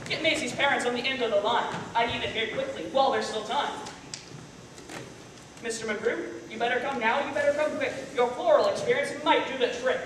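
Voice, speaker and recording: A woman's voice: a little high, noisy background, close to an everyday voice. A woman playing a flustered school principal. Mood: urgent. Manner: brisk, rhyming, declamatory. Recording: echoey hall from far off.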